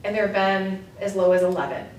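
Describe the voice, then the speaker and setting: An enthusiastic woman giving her report to a board meeting at a quick pace, tossing in fillers as she goes. Her voice sits in a middle range, picked up from some distance. The room around her sounds roomy and echoey, with a faint hiss underneath. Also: mid-range voice, fairly even intonation, a little mellow. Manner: enthusiastic, fast, filler-heavy. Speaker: immersion program presenter. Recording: echoey room, mic far off.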